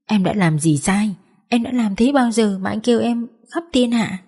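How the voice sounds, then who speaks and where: A woman's voice: fairly high pitch, moderate pace, a little mellow, husky, pitched above the performer's own voice. A woman voicing an anguished wife and mother pleading with her husband, reproachful in tone.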